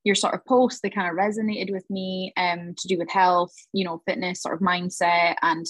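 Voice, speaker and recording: Highland Scottish woman, dry close sound. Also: steady tone, normal speed, no room sound. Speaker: podcast guest. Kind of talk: casual conversational interview.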